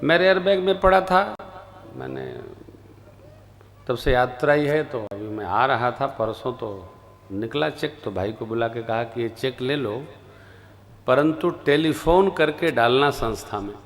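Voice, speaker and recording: Male devotional preacher, slow and emphatic delivery, sung scripture lines, faint music in the background. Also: mid-range voice, lively intonation. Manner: slow, emphatic, swings between soft asides and loud rising exclamations; chants verses of scripture in a drawn-out singsong. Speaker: Ram Katha preacher. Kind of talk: devotional sermon.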